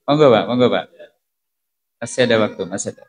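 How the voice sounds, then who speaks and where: A man's voice: mid-range voice, fast talker. A man leading a religious study session, taking questions and asking the audience rhetorical questions in a conversational way. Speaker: preacher.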